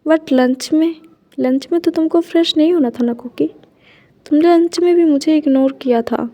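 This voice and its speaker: A woman's voice: high-pitched, moderate pace, dark tone, lightly acted. Give me a woman reading as a jealous tearful young husband. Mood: hurt pleading. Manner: hurt, pleading, reproachful.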